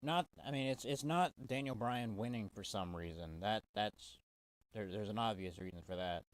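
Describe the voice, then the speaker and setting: A man's voice: on the low side, normal speed. A man giving a casual, swear-heavy wrestling review, exasperated and full of restarts. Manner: profane, exasperated, stumbling restarts.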